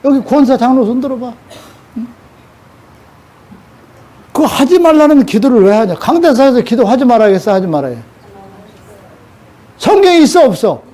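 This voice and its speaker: A man's voice: high-pitched, mellow. Scolding older man preaching. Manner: scolding, asks the audience rhetorical questions. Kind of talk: sermon.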